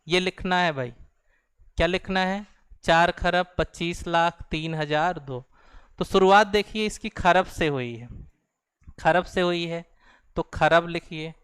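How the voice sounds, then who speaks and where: A man's voice: fairly high pitch, fairly bright tone, clear, resonant tone, dry recording. A man teaching a math lesson, speaking. He patiently explains each step, repeats it, and addresses students as "brother". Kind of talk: explaining place values on a board.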